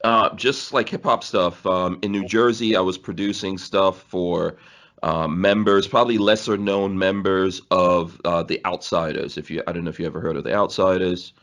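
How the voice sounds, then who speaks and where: Speaking at a normal pace, this man has a low, steady, slightly bright voice. In his forties, born in Guyana and raised in New York City, he is a podcast guest whose casual storytelling rambles, punctuated by frequent laughter and restarts.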